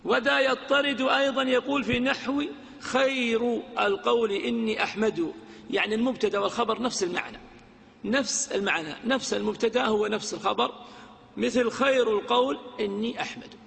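A man teaching a grammar lesson to a class, quizzing his students with prompting questions and chanting verse lines slowly. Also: extremely high pitch, fairly even intonation, gravelly, fairly bright tone. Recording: long reverb of a hall.

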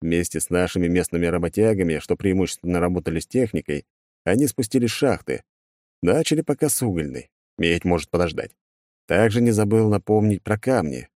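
A male narrator with a fairly low voice reads a first-person story in a measured, even manner. The recording is dry and close, with no room around it. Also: no echo. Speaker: audiobook narrator.

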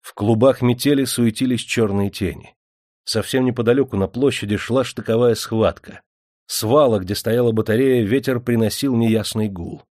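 A man narrates an audiobook in a steady, even storytelling style, delivering scripted narration. His voice is medium-pitched at normal speed, recorded with clean studio sound and no room echo.

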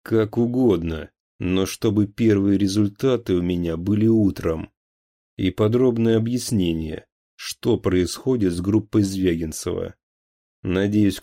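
A man's voice: lowish voice, mellow. A man reading an audiobook voices a curt, commanding male minister, a general who scolds his officers.

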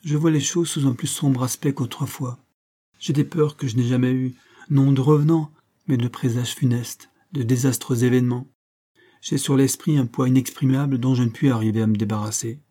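A man voicing a shy, sad young woman in an audiobook, speaking slowly and wistfully. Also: medium pitch, fairly even intonation, dark tone, natural voice. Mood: melancholy. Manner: slow, wistful, plaintive. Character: timid melancholy young woman.

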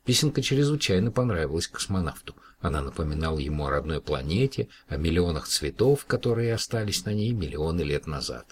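Deep, husky man for storybook narration, expressive and animated in his telling. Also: fairly quick, hardly any pauses. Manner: expressive, shifting voices for characters. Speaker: audiobook reader.

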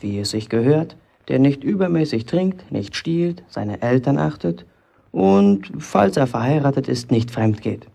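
In a German radio play, an actor voices a defiant young apprentice bricklayer who lectures sarcastically, like a pompous prosecutor firing off rhetorical questions. His male voice sits in the mid-range and sounds gravelly yet mellow.

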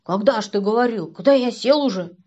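A woman's voice: on the high side, expressive, a little fast. Woman putting on a blustering grumpy grown man. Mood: grumbling indignant. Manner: gruff, blustering, loud scolding. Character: grumpy middle-aged male citizen at the cinema. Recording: dull lo-fi recording.

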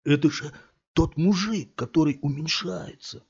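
A man's voice: mid-range voice, very animated, unhurried, darkish tone, husky, voice pushed up. A man voicing a young male street thug in a cap, a mocking and menacing bully. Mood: excited. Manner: mocking, snarling, barked threats. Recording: dull lo-fi audiobook recording.

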